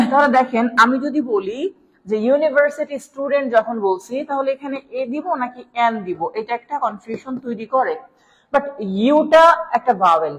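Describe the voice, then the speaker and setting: In a fairly high voice, an English grammar teacher with a Bangladeshi Bengali accent runs a live online lesson, explaining patiently step by step. She checks in with "right?", addresses viewers as "sir", and a long reverb trails each phrase.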